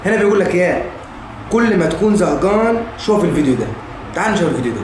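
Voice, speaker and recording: An Egyptian man with an Egyptian Arabic accent hosts comedy reaction videos, speaking casually and exclaiming as he informally addresses viewers and the clips. His high voice is very animated and racing. The room is very echoey, with a noisy background.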